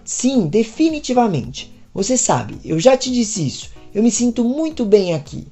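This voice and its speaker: A woman's voice: a little high, big pitch swings, measured pace, warm tone, soft background music, pitched above the performer's own voice. A woman voicing an anxious, upset young wife. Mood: distressed. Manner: anxious, pleading.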